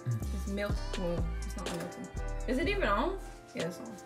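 A woman's voice: mid-range voice, sing-song, normal speed. A young woman co-hosting a home cooking vlog, following the recipe and scolding her partner in a practical, matter-of-fact way. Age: young adult. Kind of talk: casual cooking vlog chat. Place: home kitchen. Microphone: phone camera some distance away. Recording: echoey kitchen from a distance, music behind.

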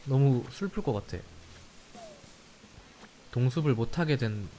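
With slight noise in the background, this young man from Korea's standard-speaking region streams a cozy life game, joking and reacting to his audience in a relaxed way. He speaks a little slowly in a warm mid-range voice with lively intonation.

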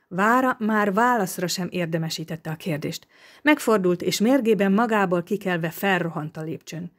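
A woman narrating a detective novel audiobook in a steady, measured reading. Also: mid-range voice. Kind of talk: scripted narration.

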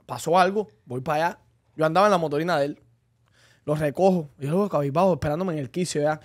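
A man's voice: on the high side, quick pace, dry recording, studio quality. A man with a Cuban accent, co-hosting a casual conversation and telling stories animatedly, acting out the dialogue. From Cuba. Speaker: co-host.

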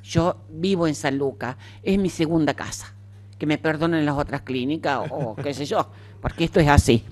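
In an interview, an older cancer survivor with an Argentine accent chats openly about her life in a deep, slightly mellow voice at a moderate pace. Her casual storytelling is candid and sprinkled with many fillers.

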